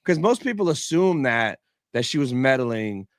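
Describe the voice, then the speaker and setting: A man's voice: medium pitch, big pitch swings, moderate pace, dry recording, clean studio sound. A man hosting a fan podcast, chatting casually with slangy, informal wording and repeated emphasis. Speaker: podcast host. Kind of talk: casual chat.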